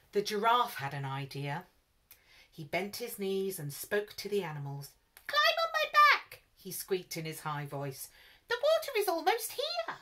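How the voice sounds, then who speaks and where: A woman storyteller reading a children's picture book aloud in an expressive, lively way. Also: fairly high pitch.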